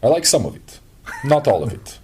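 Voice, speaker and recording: A man's voice: mid-range voice, very animated, a little fast, background noise, pitched above the performer's own voice, natural voice. A man doing a heavy Russian accent as a blunt male tour manager in a spoken anecdote.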